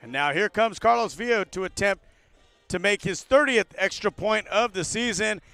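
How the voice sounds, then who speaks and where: A man doing live play-by-play commentary of a college football game for a radio broadcast, rising with excitement on big plays. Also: high voice, moderate pace, vocal fry, clear, resonant tone. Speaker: play-by-play announcer.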